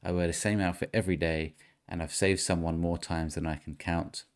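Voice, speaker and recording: This is the same very low, gravelly-voiced man hosting his laid-back gaming podcast, this time speaking fairly quickly. As quiz host, he delivers clues in a steady way and shares laughs with the co-hosts.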